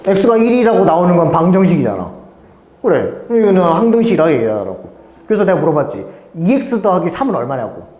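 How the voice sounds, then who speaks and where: 생동감 있게 말하는 남자 수학 강사, 울리는 교실. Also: male voice, fast. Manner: chatty, animated, mimics students in high squeaky voices. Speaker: math tutor. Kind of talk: casual classroom lecture. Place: classroom. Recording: echoey classroom.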